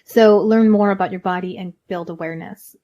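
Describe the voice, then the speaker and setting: Fast-talking, enthusiastic woman host in her forties. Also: medium pitch, fairly even intonation, muffled recording. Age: 40s. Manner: enthusiastic, chatty, playful. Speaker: podcast host. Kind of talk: casual interview talk.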